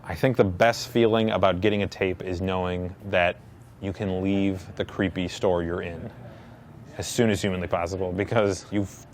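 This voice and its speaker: Casting: a man with a lowish voice, wry and dry, faint hiss behind him. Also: steady tone, normal speed. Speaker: interviewee.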